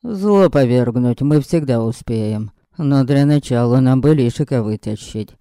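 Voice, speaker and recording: A man doing a sly teasing young man, pitched low. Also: measured pace, dark tone, smooth, no echo, studio quality, lightly acted. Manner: ironic, mocking drawl.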